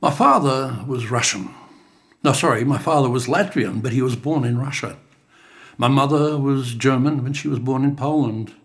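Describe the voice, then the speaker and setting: An older man reciting his own poetry in an expressive, dramatic style in a studio. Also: medium pitch, normal speed. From Australia. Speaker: bush poet. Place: creative studio.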